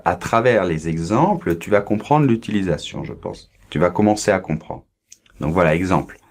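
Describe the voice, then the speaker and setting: A man giving a French grammar lesson, explaining slowly with many fillers and checking in with "ok" and "d'accord". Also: deep voice. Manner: models pronunciation, drawing out sounds. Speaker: French teacher.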